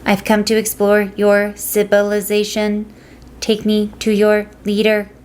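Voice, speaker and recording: A woman voicing a young boy who stubbornly insists he is a Martian, speaking slowly and deliberately. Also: mid-range voice, monotone, darkish tone, a little hiss or hum, lightly acted.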